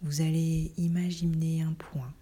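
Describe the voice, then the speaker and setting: A woman whispering a guided relaxation in a soft, breathy, soothing voice, with slow delivery and long pauses. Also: low-pitched, little pitch movement.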